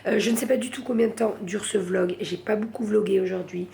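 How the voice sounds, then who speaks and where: A woman's voice: medium pitch, steady tone, brisk, gravelly, mellow, a little hiss or hum. A woman vlogging late at night from home, chatting casually and rambling, saying voilà at the end of her sentences.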